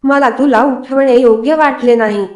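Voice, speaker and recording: A woman's voice: high voice, steady tone, moderate pace, darkish tone, reverberant, natural voice. A woman voicing a bossy, blunt rich young man in a spoken story, talking in a curt, scolding way. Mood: chiding.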